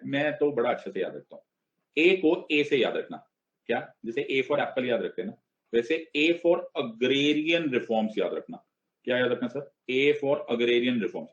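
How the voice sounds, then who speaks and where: A male teacher giving an exam-prep lecture in a mid-pitched voice, mixing Hindi and English. He keeps checking whether the class is following and slows down, word by word, over legal wording. The sound is dull and lo-fi, like an online class recording. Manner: mixes Hindi and English, drills the class with repeated questions, playful asides; slows right down and stresses each word when reading legal text.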